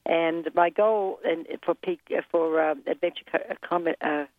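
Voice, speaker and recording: A woman's voice: deep voice, no room sound. New woman on a tinny phone line. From New Zealand. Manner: measured, with frequent ums and uhs. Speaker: guest. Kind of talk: interview storytelling.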